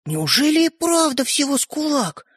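A woman's voice: sits high, big pitch swings, normal speed, no room sound, studio quality, pitched above the performer's own voice. A woman voicing an earnest young boy who insists on his point in an audiobook.

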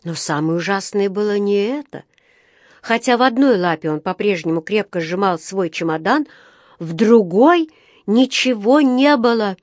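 A woman narrating a children's storybook in an expressive reading voice. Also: mid-range voice, normal speed, no echo, clean studio sound. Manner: expressive, voices each character. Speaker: audiobook reader.

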